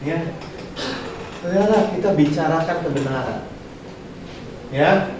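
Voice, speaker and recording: Pastor, male, high-pitched and swinging, heard from far off in a booming hall. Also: slow pace, background noise. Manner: animated and colloquial, mixing English words. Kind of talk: sermon. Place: church hall.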